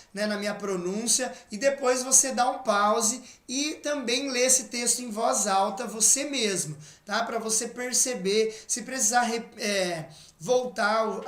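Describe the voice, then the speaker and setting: A man from Brazil with a Brazilian Portuguese accent, teaching an online English lesson and patiently reading English examples out slowly. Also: sits high, fairly bright tone, reverberant.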